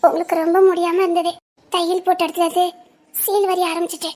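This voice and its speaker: An actress with a Tirunelveli Tamil accent playing a tearful young woman torn about her lover, speaking in a halting, pleading way. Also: very high-pitched, flat delivery, a little mellow. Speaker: actress in a romance drama. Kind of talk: emotional drama acting.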